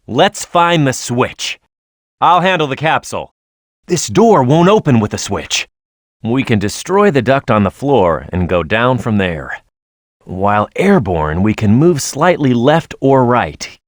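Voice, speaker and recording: A man's voice: medium pitch, no room sound, clean studio sound. A man voicing a tough, hot-headed young echidna fighter in a video game, confident and punchy. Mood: focused. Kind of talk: scripted video game character voice acting.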